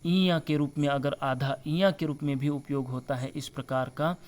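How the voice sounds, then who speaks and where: A man teaching a spelling lesson over slides, slowly spelling out letters and often reminding viewers to remember. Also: a little high, steady tone, a little mellow. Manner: repeats the word for friends and reminds viewers to remember; slow deliberate spelling-out of letters. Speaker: Hindi teacher.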